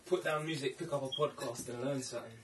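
A man's voice: medium pitch, steady tone, fast talker, crowd noise. A man in casual, teasing banter. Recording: loud background noise, off-mic.

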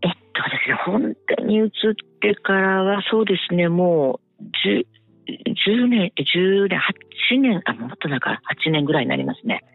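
A woman in her fifties speaks softly and hesitantly as an interview guest, her voice slightly gravelly. The sound is thin and phone-like, dry, with faint music underneath. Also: on the low side, lively intonation, moderate pace, no room sound. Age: 50s. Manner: soft-spoken, hesitant, many fillers. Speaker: guest, clothing brand manager. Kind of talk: casual interview chat. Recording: tinny phone-like line, dry.

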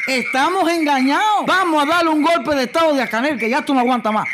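A man's voice: very high-pitched, fast talker. A man making a prank phone call, pushing and swearing insistently. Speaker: prank caller host. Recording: noisy background hiss.

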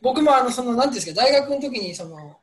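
A man's voice: very high voice, lively intonation, rapid-fire. A man in a casual podcast chat, telling stories politely and with animation.

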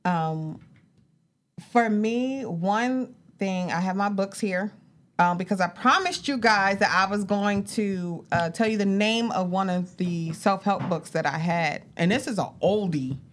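A woman's voice: mid-range voice, unhurried. A middle-aged woman co-hosting a podcast, chatting casually and animatedly, laughing often. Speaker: podcast co-host. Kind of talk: casual chat.

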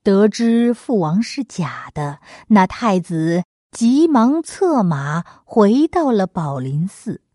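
Female storyteller, animated and slow, mellow tone, dry booth sound. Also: medium pitch, no echo. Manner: expressive, lively storybook delivery. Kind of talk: serial storytelling narration.

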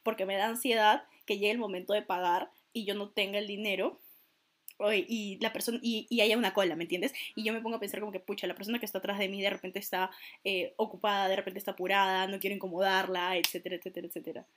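A woman in casual chat, talking softly and hesitantly with lots of fillers. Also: mid-range voice, steady tone, quick pace. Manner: soft-spoken, hesitant, rambling with many fillers.

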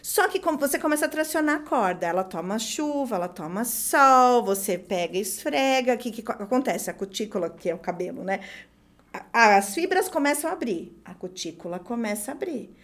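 A woman's voice: a little high, expressive, a little fast. A woman with a Brazilian accent explaining as a guest trainer, emphatic and didactic, repeating key points. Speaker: guest hair-salon service trainer. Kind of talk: conversational explaining.

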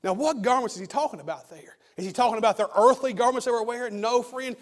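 A pastor preaches with a fairly high, hoarse voice, circling back over his words and restarting sentences as he presses his point. His voice carries a long reverb from the church sanctuary. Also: quick pace. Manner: fervent preaching with frequent restarts and repeated words. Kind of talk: sermon.

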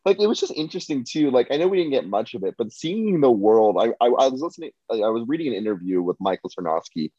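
A man's voice: medium pitch, big pitch swings, quick pace, few pauses, dark tone, breathy edge, dry recording, lo-fi sound. A man co-hosting a casual film discussion podcast, rambling with many fillers and restarts. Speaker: podcast co-host.

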